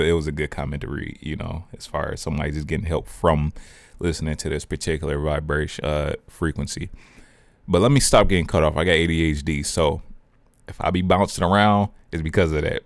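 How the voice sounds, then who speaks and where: A man with a very low voice talks casually about spiritual growth, loose and slangy. He drifts off topic and cuts himself off mid-thought. The sound is dry, with no room echo. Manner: rambling, digressive, self-interrupting; slangy and conversational. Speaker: spiritual video host. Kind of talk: casual spiritual talk to camera.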